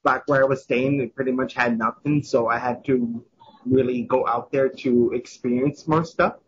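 A man's voice: medium pitch, fairly even intonation, moderate pace, dull audio, slight background noise. A young man from Quebec, Canada, working at a café, answering interview questions hesitantly with many restarts, recorded outdoors. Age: young adult.

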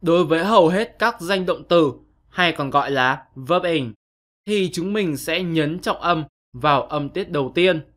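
A male English teacher reads a scripted online lesson to young pupils, patient and methodical at a measured pace. His voice sits a little high, bright, forceful and expressive.

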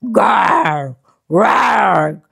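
A woman's voice: medium pitch, lively intonation, drawn-out words, creaky, fairly bright tone, breathy edge, exaggerated voice. A woman voicing an anteater who growls and roars like a pretend monster in a storybook reading. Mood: growly. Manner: growling, roaring.

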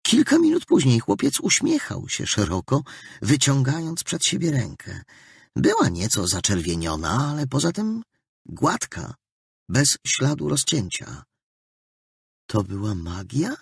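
Slow, gravelly male audiobook narrator. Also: medium pitch, no echo, studio quality. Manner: expressive storytelling with a wide melody. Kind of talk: scripted narration.

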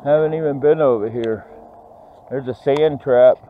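A man hosting a metal detecting vlog, rambling casually to viewers with many pauses and ums. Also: medium pitch, phone-quality sound, slight background noise. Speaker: metal detecting channel host. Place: outdoors on a grassy course, then an indoor home office.

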